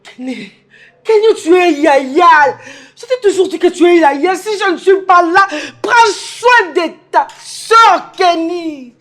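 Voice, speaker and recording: A woman's voice: extremely high pitch, lively intonation, a bit bright, heavily acted. A middle-aged woman with a Congolese French accent playing a grieving mother who calls on God and draws out her cries. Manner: drawn-out, wailing calls of a name.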